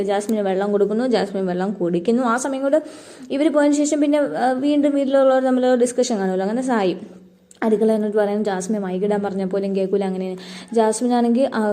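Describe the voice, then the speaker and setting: A woman's voice: a little high, warm tone. A woman casually recapping a reality show episode for her viewers, chatty and full of fillers. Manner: chatty, addresses viewers as guys, many fillers.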